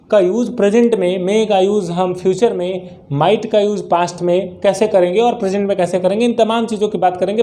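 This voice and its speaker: A man's voice: sits high, dark tone. A man teaching a spoken English lesson, repeating each word in drills and answering his own questions.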